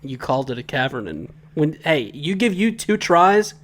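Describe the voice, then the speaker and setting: A man's voice: on the high side, very animated, normal speed, a bit bright. A man co-hosting a podcast, doing a casual comedic recap with profane, teasing banter. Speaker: podcast co-host.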